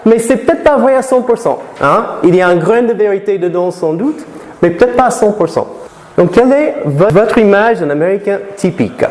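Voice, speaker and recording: A middle-aged American man, a native English speaker, lectures students live at a conference in a lecture hall, his high, expressive voice carrying a darkish tone. He peppers the audience with questions and keeps restarting his phrases. The echoey hall adds long reverb, with slight background noise.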